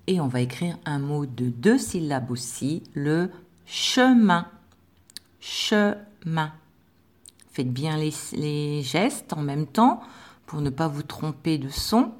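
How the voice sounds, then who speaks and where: A woman teacher giving a slow, patient dictation lesson to young pupils, spelling out sounds with careful articulation. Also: sits low, animated, darkish tone. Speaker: primary school teacher.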